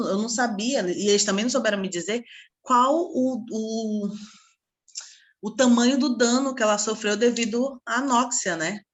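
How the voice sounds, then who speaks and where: Woman, teacher, chatty case stories, acts out dialogue, slightly high-pitched. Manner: lively storyteller, acts out dialogue with parents. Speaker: psychopedagogy teacher. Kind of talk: casual online class with case stories.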